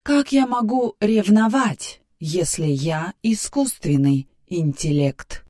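A woman voicing a capricious female artificial intelligence who lives in the hero's head, talking softly and musingly in an audiobook. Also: medium pitch, expressive, takes it slowly. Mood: playful. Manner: soft, musing, wheedling. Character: capricious female AI partner inside a man's head. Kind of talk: audiobook character voice.

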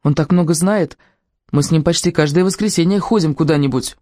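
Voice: mid-range voice, a little fast, warm tone, dry recording, studio quality, close to an everyday voice. A reader voicing Natasha, an earnest, enthusiastic young girl in an audiobook who loves books and drawing. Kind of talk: audiobook character reading.

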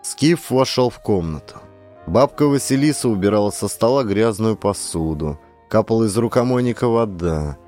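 A man narrating an audiobook in a measured storytelling manner. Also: fairly low pitch, animated, a little mellow, faint music behind. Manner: measured storytelling, voices the characters. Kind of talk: scripted narration.

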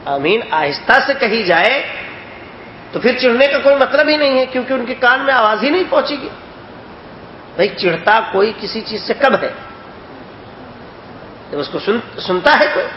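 A man's voice: very high-pitched, big pitch swings, pauses often. A man teaching a religious lesson, explaining points and asking his listeners if they understood. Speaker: hadith teacher. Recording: echoey, dull lo-fi recording with faint noise.

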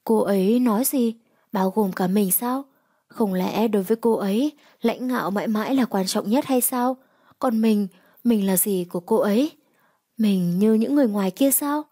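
A woman's voice: medium pitch, normal speed, dark tone, breathy edge, close to an everyday voice. A woman voicing a jealous, hurt young man who speaks in a bitter, scornful way.

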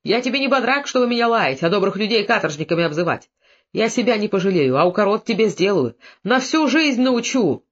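A man's voice: high-pitched, very animated, brisk, a bit bright, heavily acted. A man reading an audiobook, voicing a boastful, hot-tempered male Cossack soldier. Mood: angry. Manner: boastful, then furious and threatening. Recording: dull lo-fi recording.

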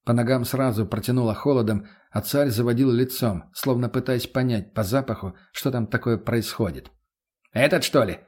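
A man narrating an audiobook in the first person, gruff, blunt and deadpan. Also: medium pitch, normal speed, hardly any pauses.

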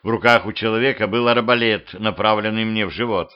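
A man narrating a humorous horror audiobook in the first person, with a steady, measured reading. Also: on the low side, clean tone. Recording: muffled lo-fi home recording.

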